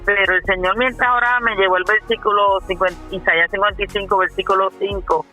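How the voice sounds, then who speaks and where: Puerto Rican woman, 50s, minister giving a heartfelt radio testimony, bright tone, trailing asides. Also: mid-range voice, steady tone, fast, soft background music, rough recording. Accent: Puerto Rican Spanish. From Puerto Rico. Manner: earnest, many "eh" and "¿verdad?" asides. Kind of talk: personal testimony on a radio show.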